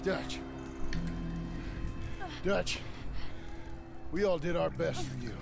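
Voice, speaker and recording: Gravelly, earnest American gunslinger. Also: male voice, a little high, extremely slow, exaggerated voice. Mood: earnest, desperate. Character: earnest, weary male gunslinger, pleading and determined. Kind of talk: cinematic western video game acting. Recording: music under dialogue.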